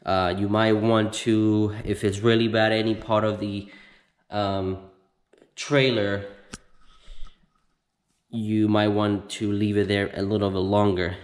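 A man in his thirties hosting a casual how-to video in a home garage, explaining each step slowly with plenty of ums and restarts. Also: fairly low pitch, level tone. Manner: slow, halting step-by-step explaining with many fillers. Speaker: host of a how-to channel. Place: home garage with door open.

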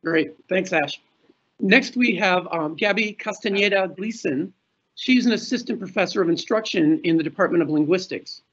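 A man's voice: high voice, moderate pace, a bit bright. A middle-aged man moderating a panel over a video call, formally reading introductions and announcements. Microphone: video call webcam. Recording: muffled video-call audio.

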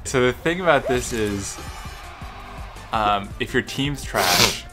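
A man co-hosting a gaming channel, calling out timers and round instructions while reacting to the play. His pitch is middle for a man. Loud game music sits beneath his voice. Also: expressive, slow. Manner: reads game prompts, reacts and laughs. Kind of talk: casual gameplay chat.

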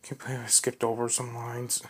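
Young man, casual self-talk, muttering asides, home recording, middle pitch. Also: monotone, a little fast, breathy edge. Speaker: amateur voice actor. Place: home room.

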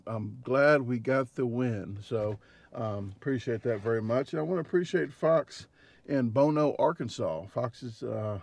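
Midwest guy, 40s, gravelly voice, vlogging from his parked car, lots of ums and restarts. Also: mid-range voice, a little hiss or hum. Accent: Midwestern American. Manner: chatty, rambling, lots of fillers and restarts. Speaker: vlogger and competitive eater. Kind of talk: casual vlog talk to camera. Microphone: camera mounted on dashboard.

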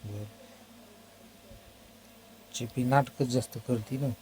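Slow, mellow man coaxing a baby. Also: mid-range voice, steady tone, slight background noise, poor audio. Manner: coaxing, mock-scolding, repetitive. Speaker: uncle minding a baby. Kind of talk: casual baby talk.

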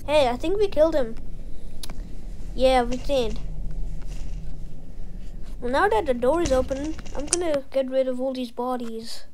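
A woman with a very high voice acts out an improvised story, playing each side of the dialogue herself. She takes her time, and her delivery is playful and dramatic. There is clear noise in the recording. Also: a little slow, pauses often, a little mellow, poor audio. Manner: playful, dramatic back-and-forth between characters. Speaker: storyteller voicing all characters in an improvised play. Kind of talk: improvised play-acting with character dialogue.

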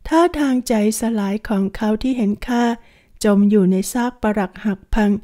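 Mellow woman reading a novel aloud. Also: mid-range voice, moderate pace. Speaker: audiobook narrator. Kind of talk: reading a translated historical romance novel.

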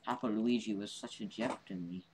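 A man voicing a long-suffering, wary game hero in an amateur skit, halting, earnest and melodramatic. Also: lowish voice, fairly even intonation, a little mellow, lightly acted. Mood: wounded, wary. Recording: noisy home recording with clicks.

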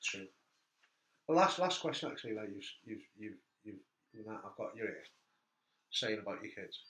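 A middle-aged man hosting a casual interview chat, telling stories with animated bursts. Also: lowish voice, moderate pace. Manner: animated storyteller, voice jumps up when telling funny bits. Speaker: host. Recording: echoey room.

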